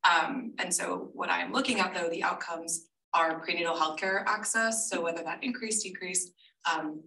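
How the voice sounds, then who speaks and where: A woman's voice: on the low side, steady tone, normal speed, pushed and bright. A woman in her twenties, a senior thesis student, explaining her research in a friendly, casual way. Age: 20s. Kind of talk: casual info session talk. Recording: echoey room, far from mic, faint noise.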